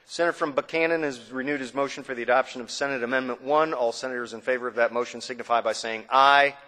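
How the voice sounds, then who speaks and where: Bright-voiced man presiding over a senate. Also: mid-range voice, fairly even intonation. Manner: brisk, formal parliamentary phrasing. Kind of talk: formal floor procedure. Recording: reverberant legislative chamber.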